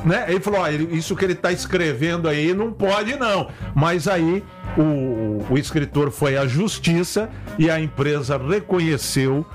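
A man with a fairly high voice recounts odd news stories as co-host. He teases and tags his lines with little questions. Faint music sits behind him. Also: moderate pace. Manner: wry, teasing, repeats tag questions. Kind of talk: casual news chat.

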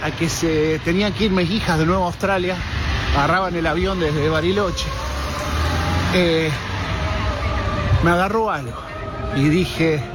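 A man's voice: on the high side, fairly even intonation, measured pace, pauses often, heavy background noise. A middle-aged man from Argentina with an Argentine accent, speaking in an earnest, reflective testimonial. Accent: Argentine Spanish. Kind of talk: heartfelt testimonial. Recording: clip with music behind.

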